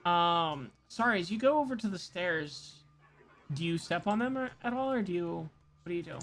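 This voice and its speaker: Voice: medium pitch, lively intonation, moderate pace, a bit bright, a little hiss or hum. A game master describing scenes for a tabletop roleplaying game in an informal, conversational way.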